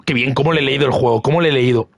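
A young man streaming a football video game live, giving excitable running commentary on his own play and repeating words. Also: medium pitch, racing. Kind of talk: live gaming stream chat with friends.

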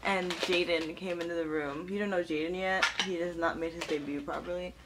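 A young woman vlogging casually in a hotel room, excitable and giggly, with a lot of noise behind her. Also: lowish voice, fairly quick. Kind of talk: casual chat. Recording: loud background noise.

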